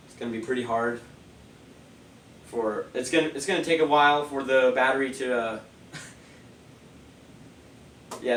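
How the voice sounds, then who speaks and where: A man with a medium, slightly bright voice reviews party speakers casually, rambling loosely and filling his speech with fillers. He's sniffly and a bit nasal from a cold, and the sound is reverberant, with a distant mic and slight background noise.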